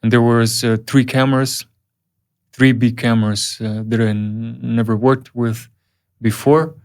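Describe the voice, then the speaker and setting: A man's voice: mid-range voice, steady tone. A man, a film director telling stories in a casual interview, full of fillers and restarts. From Uyghur region, Central Asia. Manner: halting, many fillers and restarts.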